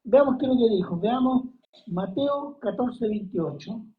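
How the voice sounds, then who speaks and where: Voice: mid-range voice, lively intonation, measured pace. A Chilean preacher giving a conversational Bible study sermon, who keeps asking the audience questions and coughs often. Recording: dull lo-fi recording.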